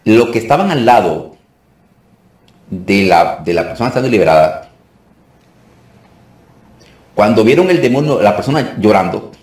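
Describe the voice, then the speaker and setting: A man's voice: on the low side, sing-song, measured pace, long pauses, darkish tone, echoey room. A man, a deliverance minister, giving an informal teaching talk for a course. He talks emphatically, repeats phrases for stress and keeps checking in with his listeners.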